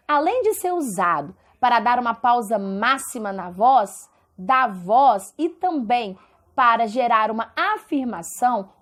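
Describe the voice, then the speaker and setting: A woman with a Brazilian Portuguese accent teaching a recorded lesson, explaining step by step and asking rhetorical questions. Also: fairly high pitch.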